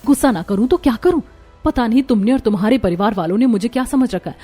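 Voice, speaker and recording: A woman plays a put-upon young daughter-in-law in a cartoon story, forever grumbling about her chores. Her fairly high voice stays exasperated and resentful, with music playing softly behind. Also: expressive, quick pace. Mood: angry. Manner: complaining, exasperated. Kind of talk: Hindi cartoon voice acting.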